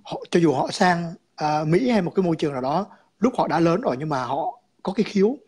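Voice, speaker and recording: A man's voice: fairly high pitch, expressive, fast, darkish tone, breathy edge. A man calling in to a chat, explaining his views in a rambling way, repeating words and slipping in English terms.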